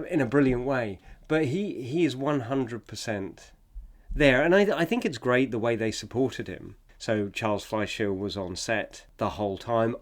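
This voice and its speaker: A man appearing as a guest on a film podcast, talking enthusiastically and sharing production anecdotes. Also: on the low side. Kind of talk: casual film discussion.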